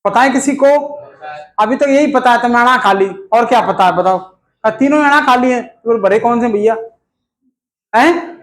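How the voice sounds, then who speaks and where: A male Hindi teacher in a classroom, teaching in a lively question-and-answer style and drilling the students with repeated questions. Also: very high voice, normal speed, echoey room, poor audio.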